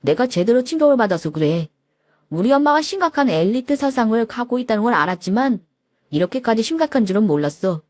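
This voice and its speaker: A woman's voice: on the high side, sing-song, fast talker, a little mellow, dry recording. A blunt, fed-up young husband in a storybook drama, played by a woman dropping her voice. He speaks firmly and plainly, close and dry. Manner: blunt, firm. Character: exasperated young married man, blunt husband.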